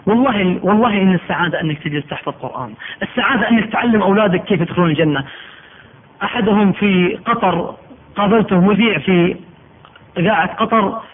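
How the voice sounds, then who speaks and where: A man's voice: sits high, fast talker. A man preaching a sermon, telling stories emphatically and pressing his points with oaths. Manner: emphatic, storytelling, swearing oaths. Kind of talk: sermon with storytelling. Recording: tinny phone-like recording, faint noise.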